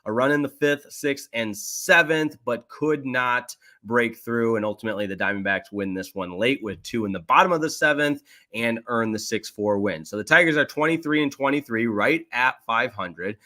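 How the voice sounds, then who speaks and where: A young man hosting a solo sports podcast, recapping the weekend's games in an animated, self-deprecating way with quick asides. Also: mid-range voice.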